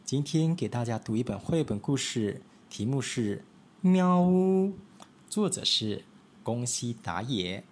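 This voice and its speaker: A man from Malaysia reading a children's picture book aloud with expressive, animated storytelling. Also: mid-range voice, measured pace, slightly rough. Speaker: storybook reader.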